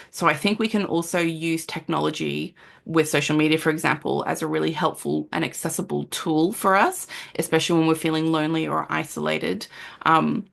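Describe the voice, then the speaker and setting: A woman's voice: low-pitched, creaky, a bit bright. A woman in her thirties hosting a solo parenting podcast, talking in an earnest, conversational way with frequent "um" and "like". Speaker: podcast host, parenting counsellor.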